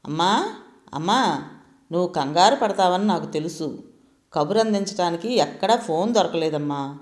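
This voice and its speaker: A woman reading aloud, voicing a young woman who gently soothes her frightened mother in a storybook tale. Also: fairly low pitch, animated, normal speed, natural voice. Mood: soothing.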